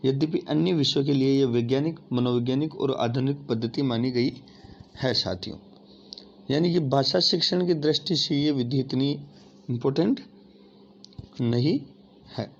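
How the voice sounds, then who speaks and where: A man's voice: medium pitch, moderate pace, gravelly, long pauses. A man teaching an exam-prep lesson, addressing listeners as friends and asking and answering his own questions. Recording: dull lo-fi audio with faint noise.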